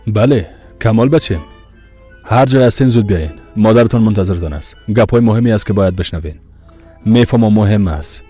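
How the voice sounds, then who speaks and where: Casting: a man as a soft-spoken uncle, Tajik accent, low, mellow voice, dubbed drama. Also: slightly rough, soft background music. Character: middle-aged uncle, slow, gently insistent.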